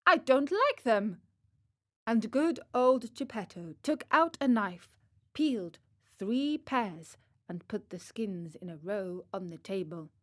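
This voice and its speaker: A woman narrating a children's story for English learners in a slow, clear reading. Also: medium pitch, expressive.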